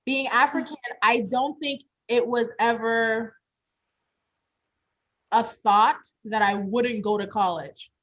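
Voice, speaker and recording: A woman's voice: a little high, fairly even intonation, slow pace, a bit bright, muffled recording. A woman raised in a Malawian American household, talking reflectively in a casual podcast chat. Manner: reflective, uses fillers like "you know". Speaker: podcast co-host.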